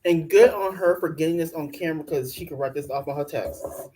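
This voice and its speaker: Poor audio carries a fairly high, dark-toned male voice speaking briskly. He's in his forties, co-hosting a reality-show recap podcast as a casual commentary chat, relaxed and dry-humored, saying "like" often.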